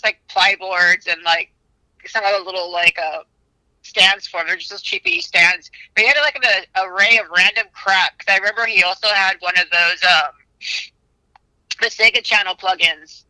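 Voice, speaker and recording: A man's voice: high-pitched, bright, forceful tone, no room sound, poor audio. A man in his thirties, calling in over a phone on speakerphone and telling a rambling, joking story with fillers. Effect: heard through a phone on speakerphone. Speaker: caller, console owner.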